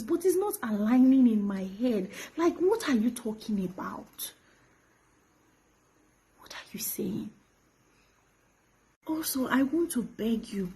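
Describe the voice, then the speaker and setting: A woman's voice: on the high side, warm tone, husky. A young woman speaking straight to camera, pleading and indignant, repeating herself and sometimes dropping to a whisper. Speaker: actress. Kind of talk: emotional direct-to-camera address.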